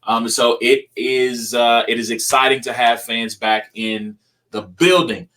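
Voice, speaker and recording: Young guy hosting a podcast, bright forceful voice, rambly, lots of ums. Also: medium pitch, measured pace. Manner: loose and rambling, many ums. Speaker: podcast host. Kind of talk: casual podcast chat.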